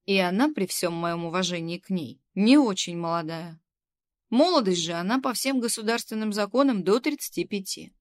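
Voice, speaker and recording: A woman's voice: medium pitch, lightly acted. A woman putting on a fussy, coaxing kindergarten boss. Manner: coaxing, bossy, quick to scold. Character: middle-aged female kindergarten head, fussy and coaxing.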